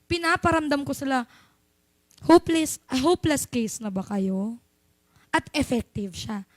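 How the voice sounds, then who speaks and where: A woman's voice: high-pitched, measured pace, dry recording. A young Filipino woman giving a chatty, playful sermon in church, mixing in English. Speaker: church speaker.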